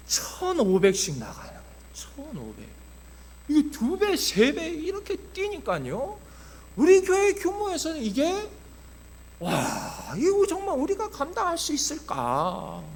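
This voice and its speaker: A man preaching a Sunday sermon in a church sanctuary, his voice pitched unusually high for a man. His delivery is lively and swooping. He moves between quiet, confiding passages and loud, fervent declarations. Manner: impassioned preaching, swinging from hushed to loud. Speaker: pastor.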